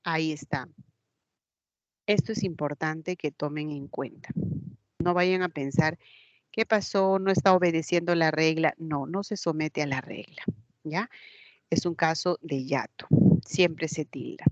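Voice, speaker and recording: A woman teacher with a Peruvian Spanish accent walks her online class through each point slowly and patiently, often checking that they follow. Her voice sits on the low side. The sound is dry and close, though dull and lo-fi. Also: dry recording. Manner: patient, explains step by step, checks with "¿ya?". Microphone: computer mic in a video class.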